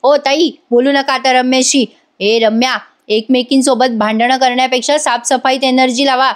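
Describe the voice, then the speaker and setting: A domineering woman of the house, voiced by a woman retelling the serial, sharp-tongued and scolding. She mocks the others with sarcasm, in a raised, higher voice. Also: fairly even intonation, normal speed, close to an everyday voice.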